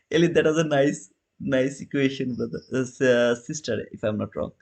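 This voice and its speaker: On a casual trading livestream, a man in his thirties talks with viewers and answers their comments. His mid-range voice is creaky and a little mellow, his pace moderate, and his loose, non-native phrasing includes many restarts.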